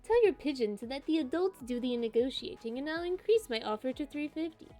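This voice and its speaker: A woman's voice: high voice, animated, a little fast, warm tone, soft background music. A woman voicing a condescending, bitter male antiques appraiser with a smug, patronizing manner.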